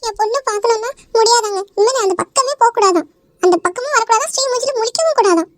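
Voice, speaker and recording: A performer doing a frantic cartoon mother with a piercingly high, squeaky voice. She pleads and sobs in a rapid rush of words. The recording is close and dry. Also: dry recording. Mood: tearful pleading. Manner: pleading, sobbing. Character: distraught mother, middle-aged woman, tearful. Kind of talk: animated cartoon dialogue.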